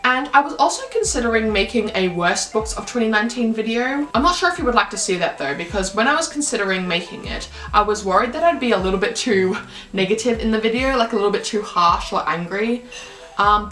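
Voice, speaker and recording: A woman's voice: mid-range voice, animated, fast, pushed and bright, soft background music. A young woman reviewing her favourite books in a casual vlog, gushing and enthusiastic, full of fillers. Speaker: book vlogger. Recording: roomy home recording.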